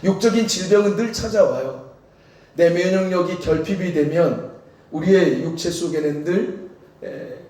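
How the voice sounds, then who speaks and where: A man's voice: on the high side, darkish tone. Man preaching in an echoey church. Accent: Jeolla Korean. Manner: conversational preaching with rhetorical questions. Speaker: senior pastor. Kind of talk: sermon. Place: church sanctuary. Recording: very echoey church hall, distant mic.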